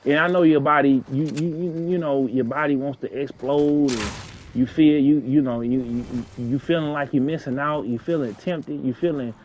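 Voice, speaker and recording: A man with a St. talks while he plays a game, earnest and a bit preachy. He circles back and repeats phrases to press his point home. A faint hiss sits under his mid-pitched voice. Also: steady tone, moderate pace, a little mellow, muffled recording. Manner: earnest, preachy, repeats himself, street slang. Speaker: gaming streamer. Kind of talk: casual advice talk while gaming.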